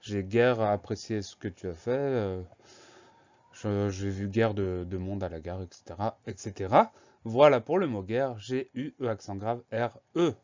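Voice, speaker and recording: Patient teacher spelling words slowly, man. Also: fairly low pitch, a little mellow, highs cut off. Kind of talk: spelling lesson for children.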